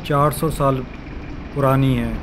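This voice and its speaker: A man, narrating a travel vlog with measured, admiring commentary. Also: medium pitch, steady tone, noisy background. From Pakistan. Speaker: travel vlogger.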